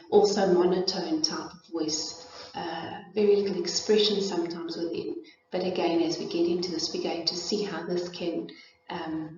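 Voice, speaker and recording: A woman's voice: lowish voice, a little mellow, a little hiss or hum. Woman, South African accent, middle-aged, informal lesson, thoughtful with fillers, far from the mic, very echoey room. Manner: thoughtful, with frequent fillers and restarts. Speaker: presenter of a parenting and child development talk. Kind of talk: informal educational talk. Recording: echoey, distant, dull room recording.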